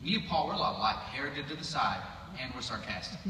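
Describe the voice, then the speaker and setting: A medium-pitched preacher with lively intonation and a quick, pushed, bright delivery gives a casual sermon in a chapel hall. He reads scripture and adds joking, sarcastic asides. An audience member's phone records from far off in the echoey hall, with slight background noise.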